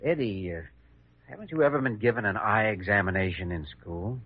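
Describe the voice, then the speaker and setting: An actor playing an earnest, kindly, determined hospital doctor in a 1940s radio drama, speaking in a persuasive way. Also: male voice, lowish voice, brisk, dry recording. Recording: muffled, hissy vintage radio recording.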